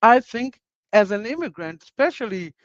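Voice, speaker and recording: Appearing as a panel discussion guest, a Ugandan man talks earnestly, starting phrases over and repeating himself to drive points home. His high-pitched voice is sing-song at a moderate pace, and the sound is dull, lo-fi and dry with no room sound.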